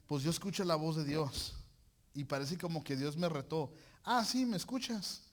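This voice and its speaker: A man preaching a sermon in an animated, joking way, full of colloquial slang. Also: medium pitch.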